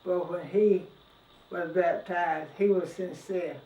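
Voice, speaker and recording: A woman of ninety, reminiscing in an interview in a halting way, repeating words as she goes. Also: fairly low pitch, steady tone. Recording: echoey room, distant muffled mic.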